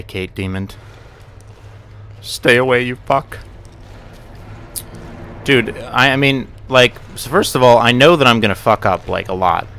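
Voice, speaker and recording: Fairly low in pitch but pushed and bright, this young man's voice carries over slight background noise. He's a gaming channel host rambling through a horror game let's play, swearing and muttering to himself. Jump scares draw yelps and curses from him.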